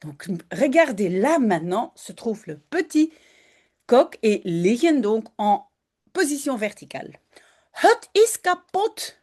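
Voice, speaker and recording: A woman teaches a language lesson, reading a story aloud and then translating and explaining each line. Her pitch rises and falls in a very animated way, yet she keeps an unhurried, slow pace. She repeats key phrases patiently for her learners.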